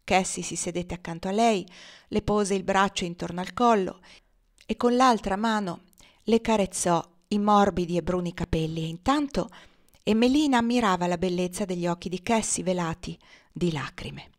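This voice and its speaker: A woman from Italy reading a classic novel aloud in a measured, expressive storytelling voice. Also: on the low side. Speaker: reader.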